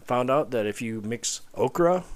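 A man's voice: medium pitch, lively intonation, normal speed. A man co-hosting a casual podcast, chatting and reading out stories with crude, wry humor. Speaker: podcast co-host. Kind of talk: casual podcast chat with read-out ghost stories.

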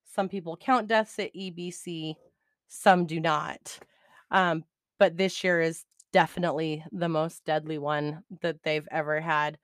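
A middle-aged woman hosting a podcast, chatting excitedly and laughing easily as she recaps. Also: sits low, unhurried, dry recording. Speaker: podcast host.

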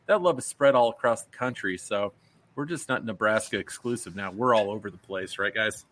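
A man's voice: fairly low pitch, brisk, a bit bright, slight background noise. A man hosting a podcast over a video call, joking and upbeat in casual chat. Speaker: podcast host.

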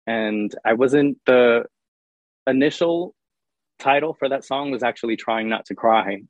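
A man's voice: medium pitch, measured pace, no room sound, lo-fi sound. A young man, a singer-songwriter, answering interview questions in an earnest, open way, with many ums.

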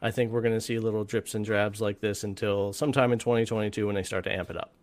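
Panelist type: man, even-paced and reflective, casual chat with fillers. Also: on the low side. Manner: measured, thoughtful, many fillers.

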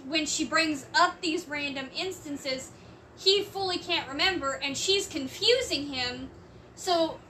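A woman in casual conversation, explaining her views slowly and at length. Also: high voice, bright, forceful tone, distant mic, a little hiss or hum. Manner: slow, measured, explains at length. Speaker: co-host discussing a court case. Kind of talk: casual chat.

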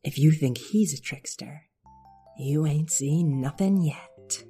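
A woman's voice: deep voice, takes it slowly, warm tone, breathy edge, faint music behind, heavily acted. A woman reading a storybook, voicing a playful young female puppy who speaks as a disembodied voice from somewhere unseen. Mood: teasing. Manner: teasing, playful.

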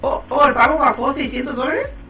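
A woman's voice: sits high, fairly quick, sharp tone, faint music behind. A woman co-hosts a talk show as a lender, explaining and advising in a casual, conversational way. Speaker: radio show co-host and mortgage lender. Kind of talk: casual on-air talk and advice.

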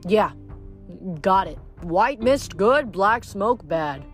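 A woman's voice: mid-range voice, expressive, takes it slowly, soft background music. A woman reading aloud, voicing a nervous, stammering young male demigod in a storybook.

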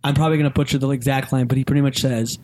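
A man's voice: medium pitch, steady tone, racing, a little mellow, a little hiss or hum. A young man co-hosting a podcast, chatting loosely, restarting sentences and laughing often. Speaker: podcast co-host. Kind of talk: casual chat.

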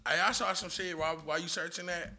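A man's voice: high-pitched, steady tone, quick pace, sharp tone. A man on a casual podcast, telling a long story in a rambling, profane way and laughing often. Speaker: podcast guest.

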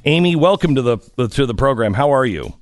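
A man hosting a radio talk show, interviewing a guest in a halting way, with many fillers and repeated words. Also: medium pitch, animated, no room sound. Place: radio studio. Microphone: studio mic.

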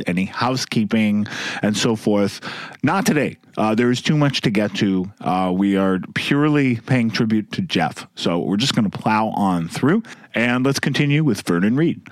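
A man's voice: on the low side, lively intonation, normal speed, dry recording. A man hosting a music podcast, talking casually and wryly about songs and sometimes humming melodies. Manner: chatty, wry, hums melodies. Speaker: podcast host.

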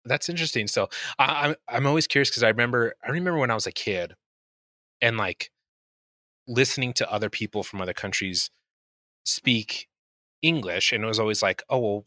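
A man hosts a casual podcast interview, teasing his guest and laughing often between halting fillers. His voice sits low yet sounds bright. It is recorded close and dry. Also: dry recording.

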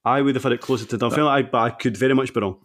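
A Scottish man with a Fife accent talks casually as a sports panellist. His voice sits at an average pitch, and he hedges his opinions, thinking aloud as he goes. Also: fairly even intonation, rapid-fire. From Fife, Scotland. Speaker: football podcast panellist. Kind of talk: casual football chat.

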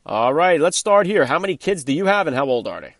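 Higher-voiced male podcast host. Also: very animated, fairly quick, a bit bright, no room sound, clean studio sound. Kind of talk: casual interview.

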